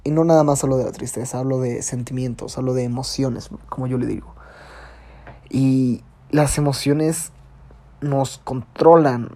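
A man with a Mexican accent and a slightly hoarse, rather high voice, talking frankly in a casual confessional monologue full of slang and swearing. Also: mellow.

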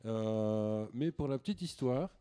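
Man, casual podcast chat, halting, restarts a lot, warm dark tone. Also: medium pitch, expressive. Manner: halting, many restarts and fillers. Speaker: podcast host presenting an album.

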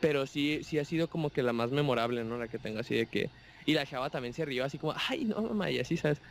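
A man's voice: medium pitch, fast, slight background noise. A young man with a Mexican accent, chatting casually and acting out the voices of the people in his anecdotes. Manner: animated storyteller, acts out voices of others. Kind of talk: casual chat.

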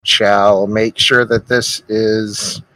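A man playing in an online tabletop game, talking slowly and deliberately. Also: fairly low pitch, little pitch movement, sharp tone, no room sound, rough recording. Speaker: player. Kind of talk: casual tabletop play over voice chat.

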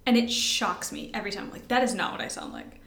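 This young woman, a podcast co-host, talks fast at medium pitch with huge swings in pitch, some vocal fry and a slightly bright tone. Chatting casually, she giggles, rambles, teases herself and sounds tired, all with a roomy echo.

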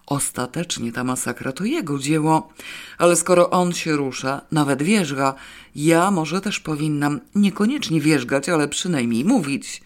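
A woman narrating a first-person novel as an audiobook, wry and expressive. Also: deep voice, unhurried.

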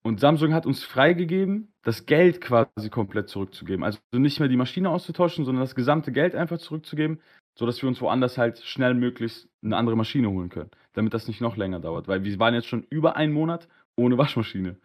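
Slangy man telling an animated story. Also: mid-range voice, fast. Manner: animated, slangy, acts out both sides of dialogues. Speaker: podcast host. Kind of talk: casual storytelling on a live-streamed podcast.

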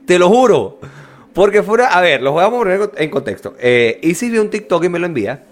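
Animated Venezuelan man, lively pitch. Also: brisk. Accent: Venezuelan Spanish. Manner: animated storyteller, acts out quoted voices, laughs often. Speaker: podcast co-host. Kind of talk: casual chat.

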